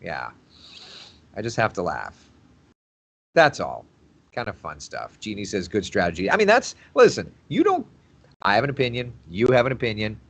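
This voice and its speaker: A TV meteorologist in his thirties hosts a casual livestream, chatting and reading viewer comments aloud. He's chatty, laughs easily and repeats phrases, speaking at normal speed in a lowish, slightly bright voice with big pitch swings, vocal fry and frequent pauses.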